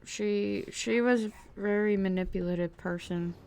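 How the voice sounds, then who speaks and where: Playing a driving game in her bedroom, a young woman recounts something from her life in a casual, halting way, often restarting and saying um while putting herself down. Her medium-pitched voice is fairly even and a little mellow, at a moderate pace.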